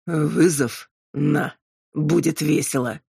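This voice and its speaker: Woman narrator doing a cold, slow male demon, low and husky. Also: dry recording, clean studio sound, exaggerated voice. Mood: mocking. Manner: slow, flat, predatory. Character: menacing male demon, bloodthirsty, blunt.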